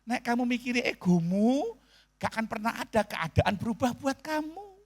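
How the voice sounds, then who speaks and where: A man voicing a shrewd older male medicine-shop keeper who gives slow, knowing advice. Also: very high voice, animated, voice pushed up, heavily acted. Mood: calm reassuring.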